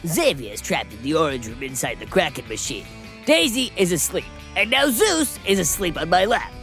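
A chatty sidekick host, played by a woman, narrates a children's adventure with wildly swinging intonation. The voice sits a little low and is theatrical and put-upon, with faint music behind. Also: sing-song, normal speed, fairly bright tone. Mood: dramatic, excitable. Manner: theatrical, conversational. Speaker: story host. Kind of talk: animated children's story narration.

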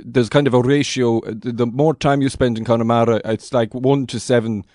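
A man's voice: mid-range voice, steady tone, darkish tone, no echo, studio quality, close to an everyday voice. Man playing a lilting old Irish storyteller. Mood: earnest, wistful. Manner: lilting, wistful, halting storyteller delivery. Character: old Irish storyteller raised by wolves, earnest and absurd. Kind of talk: improvised comic interview in character.

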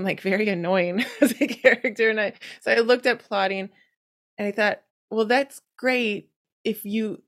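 Chatty, rambling woman podcast host. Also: mid-range voice. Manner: rambling and chatty, thinks aloud with many fillers. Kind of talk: casual podcast conversation.

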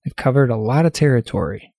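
A man leading a guided visualization, talking gently and calmly in the second person with unhurried pauses. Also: medium pitch, vocal fry, no echo, studio quality. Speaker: meditation guide.

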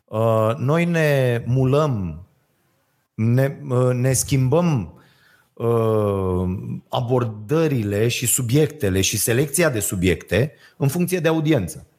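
A man's voice: medium pitch, expressive, darkish tone. A man hosting a casual chat, hesitant and full of fillers. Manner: hesitant, many fillers and affirmations. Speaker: host.

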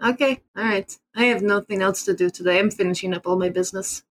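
A woman's voice: mid-range voice, fast talker, slight background noise. A woman playing a tabletop role-playing game, giggly and casual, swearing now and then. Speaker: player. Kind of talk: tabletop role-play chat.

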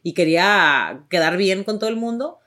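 A young woman telling a lively anecdote, acting out her own lines in a higher voice and laughing now and then. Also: moderate pace. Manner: animated, quotes herself in raised voices, laughs. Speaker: actress telling a story. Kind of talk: casual storytelling to an audience.

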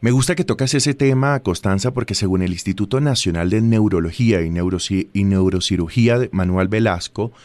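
A man hosting a radio interview, asking questions in a calm, measured way. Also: on the low side, no echo. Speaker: radio host.

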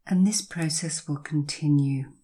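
A woman leading a guided hypnosis session, speaking in a soft, breathy voice with slow, soothing, drawn-out phrases and long pauses. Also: low-pitched.

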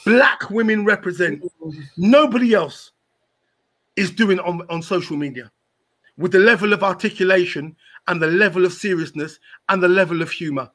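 A man's voice: high voice, a bit bright. A man talking as a panel guest in an impassioned, opinionated, emphatic way, repeating phrases for weight.

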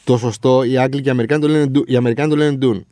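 A man's voice: medium pitch, fairly even intonation, dark tone, no echo. A man co-hosting a podcast, bantering playfully about TV series. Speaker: podcast co-host. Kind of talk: casual chat about TV series.

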